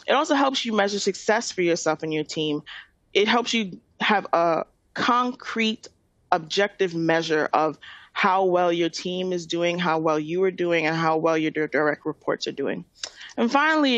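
A woman's voice: on the low side, no room sound. A middle-aged woman from New York with a New York accent, presenting a webinar in an informal, explanatory way. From Queens, New York City, USA. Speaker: webinar presenter, nonprofit finance director.

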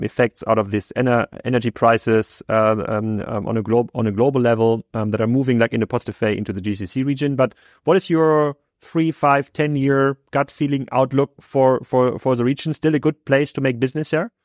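A man's voice: medium pitch, steady tone, a little fast, no room sound, studio quality. A man hosting a podcast interview, asking long, hesitant questions full of fillers and restarts. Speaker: podcast host.

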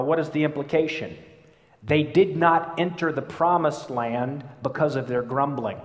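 A man preaching a sermon as a pastor, emphatic, sometimes pushing hard and sometimes dropping low. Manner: emphatic preaching, rising and falling in intensity. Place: large church hall. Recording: echoey church hall, roomy reverb.

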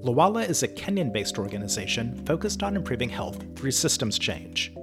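A man reading scripted narration for a news feature in a smooth, polished way. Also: medium pitch, sing-song, a little fast. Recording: narration over clear background music.

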